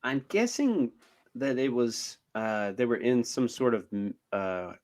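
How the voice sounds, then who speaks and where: A man's voice: medium pitch, expressive, a little slow, darkish tone. A man co-hosting a podcast in casual chat, hesitant, with many ums and uhs. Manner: hesitant, lots of fillers. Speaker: podcast co-host.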